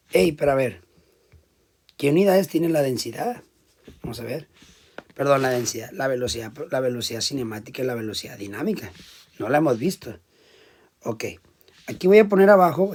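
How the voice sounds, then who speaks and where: A male teacher lectures in a voice that sits a little high. He works through each step and keeps turning to the class with short questions. His volume swings from loud emphasis to quiet asides. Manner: explains step by step, checks in with frequent questions to the class.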